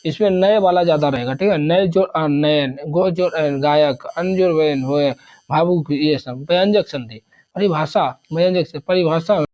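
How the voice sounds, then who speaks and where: A man's voice: a little high, darkish tone, lo-fi sound. A man teaching an exam revision grammar lesson, rattling off examples one after another and repeating terms.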